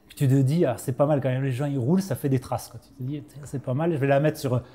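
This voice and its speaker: A man of middle pitch chats freely as an interviewee. He tells stories in an easy, conversational flow, full of asides. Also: steady tone, fast, warm tone, husky. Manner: chatty, storytelling. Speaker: interviewee, teacher and trail builder. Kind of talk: casual interview.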